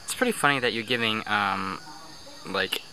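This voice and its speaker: A man filming a casual travel vlog on a handheld camera, excitable and swearing freely, outdoors and at an open-air cafe. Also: fairly low pitch, normal speed, slight background noise. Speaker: travel vlogger.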